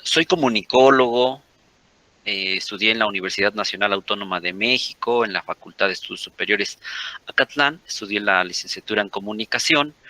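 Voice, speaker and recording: A man's voice: fairly low pitch, sharp tone, no room sound. A Mexican man in his forties, a guest in a conversational interview, rambling and often correcting himself mid-sentence. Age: 40s.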